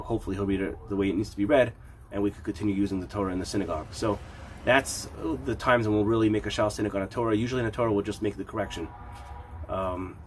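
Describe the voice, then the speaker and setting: Questioning male teacher, noisy background. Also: lowish voice. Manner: questioning, poses questions then answers them. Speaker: rabbi and scribal teacher. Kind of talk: informal explanatory lesson. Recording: clear background noise.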